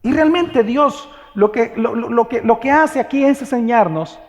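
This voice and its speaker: High-voiced preaching pastor in echoing hall. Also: male voice, a little slow. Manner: preaches with questions to the congregation, emphatic. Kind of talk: sermon. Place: church sanctuary.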